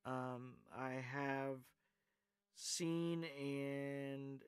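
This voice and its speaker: A call-in show host chats loosely on a live stream, rambling with many fillers and voicing viewers' comments. He talks very slowly in a steady, mid-range voice that is clear and resonant, recorded with no echo.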